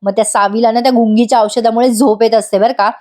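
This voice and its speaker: A woman's voice: a little high, steady tone, fast, a little mellow. A woman narrating a voice-over review of a TV serial, chatty and addressing viewers directly.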